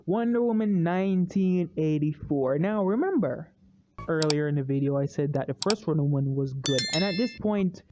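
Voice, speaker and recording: Against a noisy background, a vlogger with a medium-pitched voice reviews movies at normal speed, ranting with strong opinions and lively energy. When worked up, they break into loud, excited outbursts and repeat words.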